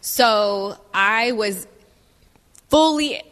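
Woman speaker, bright tone, measured testimony in phrases, big reverberant hall. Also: a little high. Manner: measured, pausing for translation. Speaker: guest speaker. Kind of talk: testimony talk with interpreter.

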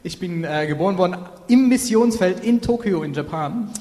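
A man interpreting a sermon live, halting and filling pauses with ums while correcting himself. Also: high voice, expressive, dark tone. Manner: halting, many fillers and self-corrections. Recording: reverberant hall.

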